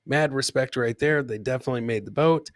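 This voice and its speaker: On a comedy podcast, a man casually comments on funny clips in a folksy, joking way, repeating his lines for effect and laughing often as he talks. His mid-range voice moves a little fast. The recording is dry, with clean studio sound.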